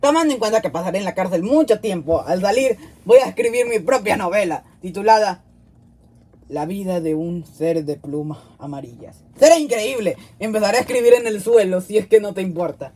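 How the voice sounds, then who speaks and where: A performer voicing an excitable young yellow bird who talks in a giddy, eager way. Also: medium pitch, a little fast, slightly rough.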